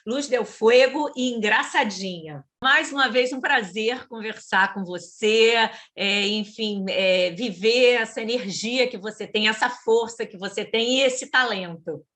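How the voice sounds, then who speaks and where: A woman's voice: fairly high pitch, a little slow, few pauses, fairly bright tone. A Brazilian woman hosting a TV culture news programme, presenting and interviewing. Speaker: TV show host and interviewer. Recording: background music under the voice.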